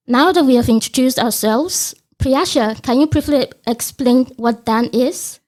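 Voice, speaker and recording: A woman's voice: high voice, a little slow, a little mellow. A young woman from Nigeria, a psychology student co-hosting a podcast, speaking steadily from prepared remarks. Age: young adult. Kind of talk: scripted podcast talk.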